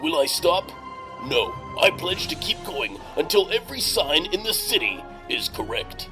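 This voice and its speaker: A man's voice: a little high, very animated, unhurried, music in the background. An anonymous man interviewed with his voice disguised for his protection, speaking in an earnest, indignant way. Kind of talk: interview soundbites.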